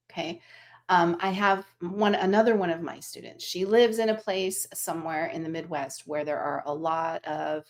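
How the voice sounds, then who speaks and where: This woman's voice sits on the lower side as she guides students through animal Reiki on a video call. Her gentle delivery wanders, full of filler words and sentences she starts over.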